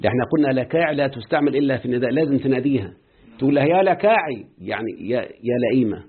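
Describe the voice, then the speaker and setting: A man with an Egyptian accent gives a quick classroom grammar lesson, repeatedly asking his students whether they understand. His voice is husky and breathy, and it comes through a narrow, phone-like recording. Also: mid-range voice. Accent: Egyptian Arabic. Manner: quizzes students often with rhetorical questions. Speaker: Arabic grammar teacher. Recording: muffled phone-like lo-fi audio.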